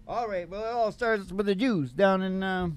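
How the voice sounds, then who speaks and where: A singing co-host of a radio show chats in a high-pitched, smooth voice at a moderate pace. His casual comedic talk is rambling and opinionated in a folksy way, with acoustic guitar playing behind him.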